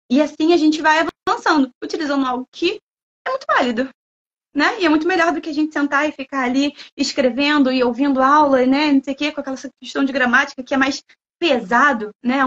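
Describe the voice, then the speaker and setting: A woman from Brazil, a guest speaker who talks in a lively, playful way and acts out imagined students' lines. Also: sits high, highs cut off. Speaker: guest speaker, language school head. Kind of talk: lively talk in a livestream.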